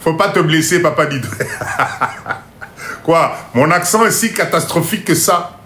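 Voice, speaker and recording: A man giving a live class on import-export, going slowly, repeating each point, checking that everyone follows, and joking about his own English. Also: a little high, animated, a bit bright, reverberant, a little hiss or hum. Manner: mixes in Lingala phrases and jokes about his English. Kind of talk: live online lesson.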